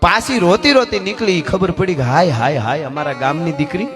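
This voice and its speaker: A man telling a folk story in a dramatic storytelling style, dropping low and rising high as he narrates. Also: animated, fairly quick. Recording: music playing behind.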